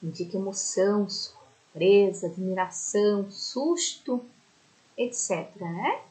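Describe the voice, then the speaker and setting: A woman's voice: medium pitch, animated, takes it slowly, darkish tone, rough recording. A Brazilian woman teaching a primary school lesson in a recorded remote class. She talks affectionately and explains step by step, often checking in with her pupils. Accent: Brazilian Portuguese.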